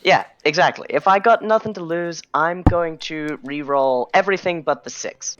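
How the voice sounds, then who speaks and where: A man's voice: a little high, moderate pace, a bit bright, no echo. A man playing a tabletop game, chatting casually and joking. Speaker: player. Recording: dull, lo-fi mic.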